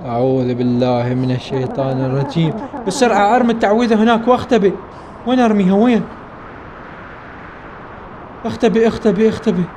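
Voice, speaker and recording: A young man with an Iraqi Arabic accent giving excitable let's play commentary, constantly addressing his viewers. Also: high-pitched, fast talker, pauses often, a little hiss or hum. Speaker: gaming YouTuber.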